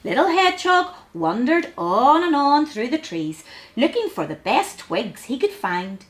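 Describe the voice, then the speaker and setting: A woman reads a storybook to young children. Her narration is slow and sing-song, in a fairly high voice that rises and falls widely. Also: sing-song. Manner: sing-song, deliberate phrasing.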